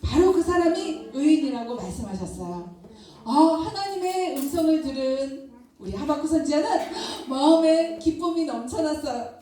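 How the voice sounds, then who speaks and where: Animated woman telling a children's sermon. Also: sits high, normal speed. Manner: animated, acts out prophet's and God's words, asks children questions. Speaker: Sunday school teacher. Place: church hall. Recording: very echoey church hall, distant mic.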